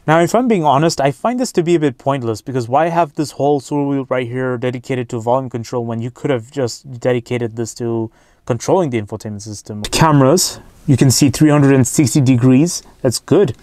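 Man, car reviewer, casual walkthrough, candid, fillers, slightly higher voice. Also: a little mellow. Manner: chatty, candid, with frequent fillers.

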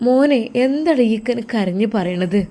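A woman's voice: on the high side, animated, a little slow, dark tone. A woman voicing a frail, frightened older mother who wails faintly and calls on God. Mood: alarmed. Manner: faint, wailing, calling on God.

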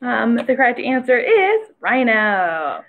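A woman's voice: a little high, very animated, slow pace, phone-quality sound, a little hiss or hum. A young woman chatting casually as a trivia co-host. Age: young adult. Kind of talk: casual chat. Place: small indoor room by a window.

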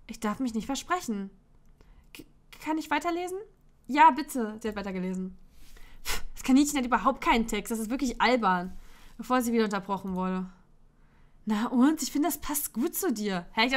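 A woman with a fairly high voice reads a dating-sim game aloud for her Let's Play. She voices every character in her own voice and keeps breaking into giggles as she goes. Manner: playful, often breaking into giggles.

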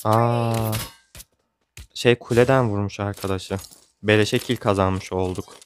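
A man's voice: fairly low pitch, steady tone, unhurried, background noise. A young man chatting casually as he comments on his own gameplay, joking and grumbling along the way. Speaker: gaming YouTuber.

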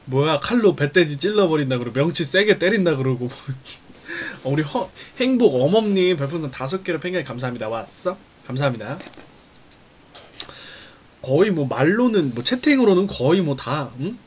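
Animated young man streaming while eating. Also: on the high side, normal speed, a little hiss or hum. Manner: reacts to viewer chat, teasing and laughing; mutters between bites. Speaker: mukbang streamer.

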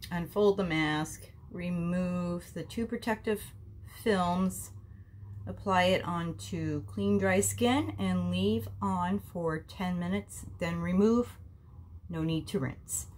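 This beauty vlogger, a woman in her forties, speaks at a fairly low pitch and takes her time, her voice nasal and blocked from a cold. Chatting about a face mask in a casual review, she addresses viewers like family and says um often. She's indoors in a small bedroom, filmed by a front camera at desk distance, with a slight hiss or hum.

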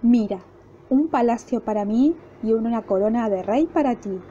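A woman with an Argentine accent voicing a sharp-tongued, bossy wife in a told fairy tale. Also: moderate pace, close to an everyday voice. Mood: eager. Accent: Argentine Spanish. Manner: scolding and shrill. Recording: dull lo-fi recording, faint noise.

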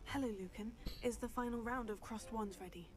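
An actress voicing a young female student in a wizarding game, calm, polite and self-assured. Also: a little high, fairly quick, close to an everyday voice. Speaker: player character in a wizarding school game. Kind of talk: studio game voice acting. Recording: game audio under loud music.

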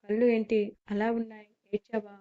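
A woman voicing a caring middle-aged mother-in-law who speaks gently and coaxingly, on a slightly muffled recording. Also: a little high, level tone, a little fast, lightly acted. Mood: tender.

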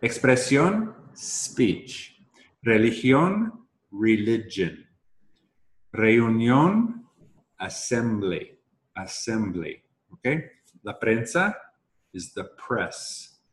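A man teaching pronunciation to Spanish speakers, speaking slowly and repeating words for listeners to echo. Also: on the low side, sing-song. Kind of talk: bilingual pronunciation lesson. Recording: roomy echo.

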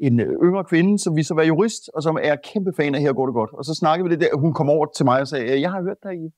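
A man chatting as a guest on a podcast, hesitant and full of restarts as he tells a story. His voice is somewhat high and recorded dry and close. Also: a little mellow, no echo. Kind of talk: casual chat.

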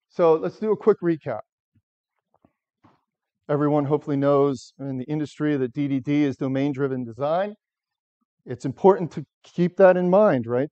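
An American software architect in middle age gives a conference talk to a seated audience in a lecture room, loud and engaging, his fairly high voice carrying without any microphone. The audio comes from a camera at the back of the room, so it's dull and lo-fi.

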